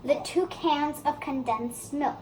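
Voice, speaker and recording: A child with a high-pitched, darkish-toned voice speaks slowly while co-hosting a casual home cooking demonstration. The kitchen sounds roomy and echoey, with background noise.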